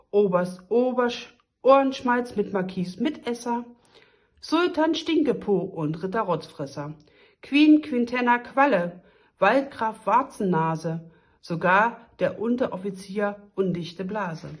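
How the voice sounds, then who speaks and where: A woman reading a rhyming children's story aloud in a lively, rhythmic way. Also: mid-range voice. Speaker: kindergarten story reader.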